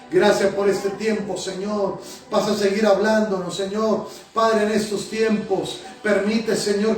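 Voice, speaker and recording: Soft music drifts behind a high-voiced male preacher, a pastor and prophet, whose sermon and spoken prayer echo through a church sanctuary recorded from afar. He prays fervently, inserting "Señor" and "Padre" again and again between phrases.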